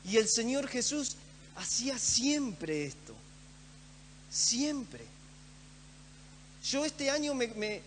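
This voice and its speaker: A man delivers a sermon with earnest emphasis, repeating key phrases. His voice sits very high for a man. The church hall gives it a long, trailing reverb. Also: fairly bright tone. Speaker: preacher. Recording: echoey church hall with faint hum.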